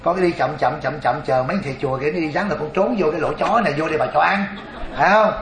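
A man's voice: on the high side, quick pace, reverberant, crowd noise, lightly acted. A man voicing a wealthy, scheming old woman, talking in a wheedling, chatty way.

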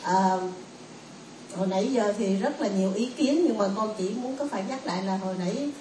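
A woman in the audience addressing a monk with formal, respectful greetings, hesitant and halting. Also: medium pitch, warm tone, a little hiss or hum. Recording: distant in an echoey hall with a crowd.

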